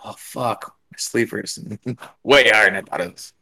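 A man's voice: lowish voice, moderate pace, gravelly, pushed and bright. A man in a casual podcast chat who laughs often and swears in easygoing banter.

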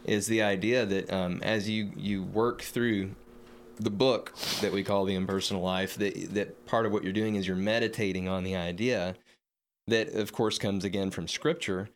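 A man's voice: lowish voice, fairly even intonation, normal speed, slight background noise. A man in a reflective spiritual discussion, talking thoughtfully with frequent repeated words.

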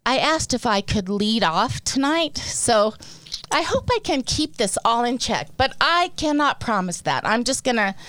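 A woman co-hosts a podcast, and she talks slowly and earnestly, leaning into her points with feeling. Her voice is slightly high and smooth, and it is recorded dry and close. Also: lively intonation, fairly bright tone, no room sound. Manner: earnest, emotional, emphatic. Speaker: podcast co-host. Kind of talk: heartfelt casual podcast talk.

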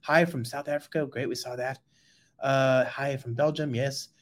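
Male host, excitable, stumbling, casual chat. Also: medium pitch, moderate pace. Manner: excitable, stumbling restarts and laughs. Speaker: podcast host.

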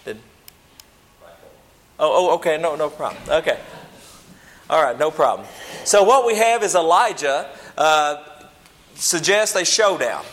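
A man preaches, with a voice pitched a little higher than most men's. He teaches in a plain, folksy manner, humble and somewhat hesitant, often restating a phrase before moving on. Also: lively intonation, measured pace, long pauses, fairly bright tone. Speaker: preacher giving a Bible lesson. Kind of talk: sermon, teaching a church group.

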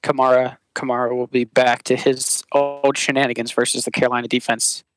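A man in a casual chat breaking down fantasy matchups in a relaxed, trash-talking way. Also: medium pitch, brisk, no echo, low-quality recording. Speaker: fantasy league member on podcast.

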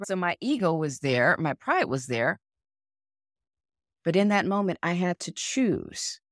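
A woman in her forties, co-hosting a podcast and telling a story in a frank, animated way, acting out what others said. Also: fairly low pitch, a little slow, no room sound, clean studio sound. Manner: animated, acts out other people's words; frank, swears casually. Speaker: podcast co-host. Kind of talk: casual storytelling.

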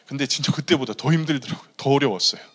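A man's voice: medium pitch, fast, big-room sound. A male pastor preaching a sermon and telling a personal story in an earnest way. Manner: earnest storytelling, many fillers.

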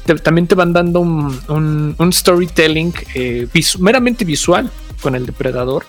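A man's voice: a little high, normal speed, faint music behind. A man, co-hosting a casual film review chat, hesitant with many restarts and fillers.

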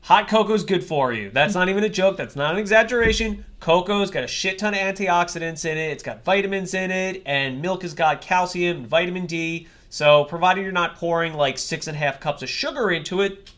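A man's voice: high voice, brisk, a bit bright. A man co-hosting a podcast in casual, rambling, wry chat, swearing freely. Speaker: podcast co-host.

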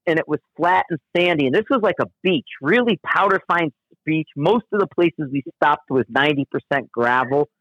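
A man's voice: fairly high pitch, lively intonation, moderate pace, fairly bright tone, dry recording. A man telling a long outdoor story in casual conversation, rambling and profane, with frequent restarts. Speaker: guest storyteller. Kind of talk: casual spoken anecdote. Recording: dull, dry lo-fi recording.

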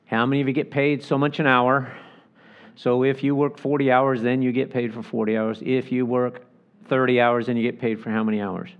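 A man's voice: mid-range voice, level tone, brisk, dull audio. A man preaching an expository sermon as pastor, talking in a conversational way with fillers and restarts, and pushing his voice up on key words. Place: church sanctuary.

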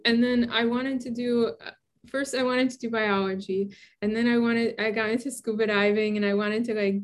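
A chatty woman in her thirties from Brooklyn, talking as an interview guest at an ordinary mid pitch. She laughs often and keeps the tone casual and open. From Brooklyn, New York. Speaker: guest scientist.

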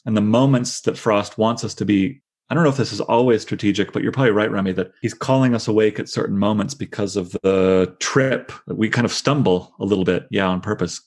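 A man's voice: lowish voice, fairly quick, hardly any pauses, darkish tone, husky. A middle-aged male teacher leading a class discussion on poetry, reading lines aloud and asking his students questions.

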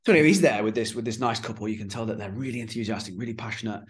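A man's voice: fairly low pitch, racing. A man hosting a casual podcast conversation as a fitness business coach, talking bluntly and swearing freely.

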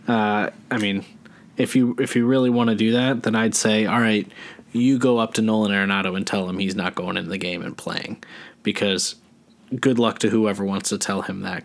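A man, co-hosting a casual sports podcast. He rambles easily, stops and restarts often, and fills his pauses with "uh" and "um.". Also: lowish voice. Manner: rambling, filler-heavy, many restarts. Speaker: podcast co-host.

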